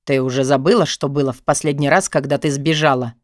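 A woman's voice: very deep voice, fairly even intonation, quick pace, no echo, clean studio sound, pitched below the performer's own voice. A woman doing a cold, curt young man. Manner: terse, clipped, commanding.

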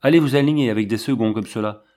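A man reading the part of a gruff middle-aged menagerie tamer who grumbles and blusters. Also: medium pitch, fast talker, a little mellow, lightly acted. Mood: bitter.

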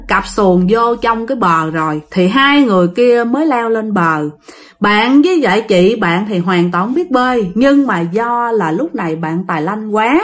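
A woman telling a ghost story in a chatty way, speaking straight to her listeners. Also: on the high side. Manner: chatty, addresses listeners directly.

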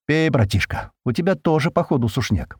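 A man voicing a rough young male captive who talks in brotherly slang, in an audiobook. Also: a little high, lively intonation, fairly quick, darkish tone, dry recording, studio quality, voice pushed up. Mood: friendly.

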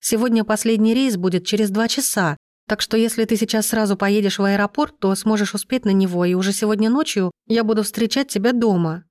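A woman's voice: mid-range voice, steady tone, fairly quick, hardly any pauses, a little mellow, dry recording, studio quality, pitched above the performer's own voice, natural voice. A woman voicing a tearful young pregnant wife on the phone, nasal and sniffling, pleading. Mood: hurried. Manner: pleading, breathless. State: crying, sniffling.

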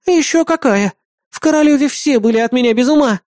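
Audiobook: reader voicing a high, bratty young woman officer, whiny and pushy, bouncy delivery. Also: animated, a little fast, a little mellow, dry recording, studio quality. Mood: cocky. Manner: whiny, pleading, bossy. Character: brash childish young woman, a major.

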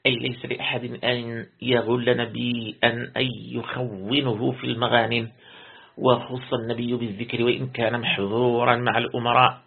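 A man, a sheikh, reads a religious commentary aloud as a lesson, in a gravelly voice. He reads steadily, repeating words when he corrects himself. The recording is tinny and lo-fi, like a phone line. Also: mid-range voice. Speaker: sheikh reading and explaining a commentary.

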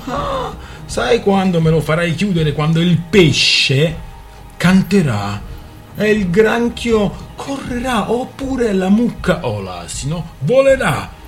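A man's voice: sits high, wildly swooping pitch, slow pace, hardly any pauses, soft background music, voice pushed up, full character voice. A man voicing a brash, quarrelsome young woman who taunts scornfully in a shrieking voice. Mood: mocking.

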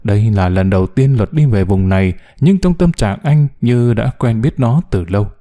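A man narrating a novel as an audiobook, with expressive storytelling. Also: fairly low pitch, moderate pace.

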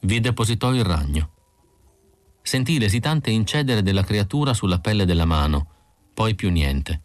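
A man narrating an audiobook with slow, measured reading. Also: on the low side, animated, dry recording. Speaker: audiobook reader.

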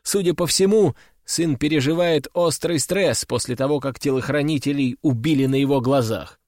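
A man narrating a crime story in an even, measured storytelling manner. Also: on the high side, no room sound. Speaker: audiobook narrator. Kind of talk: scripted narration. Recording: dry close studio sound, faint music.

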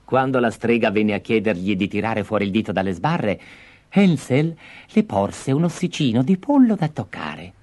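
A man reading a fairy tale aloud in a lively, expressive storytelling manner. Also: on the low side, normal speed.

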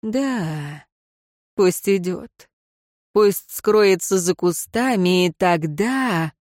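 A woman voicing the hushed, sly inner thoughts of a scheming young male servant in a storybook reading. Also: on the low side, expressive, extremely slow, no room sound, clean studio sound.

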